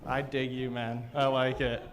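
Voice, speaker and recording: A man's voice: mid-range voice, little pitch movement, measured pace. A young man doing open mic stand-up in a small studio. He is brash and profane, teases the crowd, and has a thick, mushy way of saying his words. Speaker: stand-up comedian; teacher. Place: small comedy studio stage.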